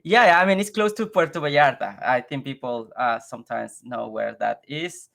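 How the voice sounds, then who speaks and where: Man, English, halting, repeats words, laughs easily, video call guest. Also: mid-range voice, gravelly, a bit bright. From Mexico. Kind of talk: casual interview chat.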